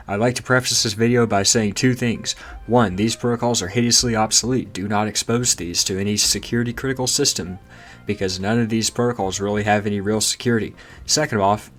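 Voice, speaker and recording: A man hosts a tech channel through a voice changer that turns his lowish, slightly bright voice synthetic and robotic. He casually walks through a screen, chatting and tossing out rhetorical questions, amused by obscure jargon.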